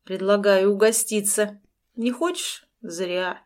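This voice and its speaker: A woman reading an audiobook, voicing a smug, menacing middle-aged male crook who mocks and threatens in a loud, casual way. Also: medium pitch, takes it slowly, natural voice. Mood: mocking. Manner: mocking, gloating, casually threatening.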